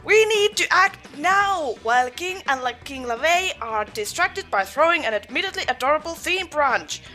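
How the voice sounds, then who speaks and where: A woman's voice: high-pitched, animated, normal speed, bright, forceful tone, soft background music. A woman voicing a belligerent, power-hungry demon princess from a game, with grandiose, declamatory delivery. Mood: imperious.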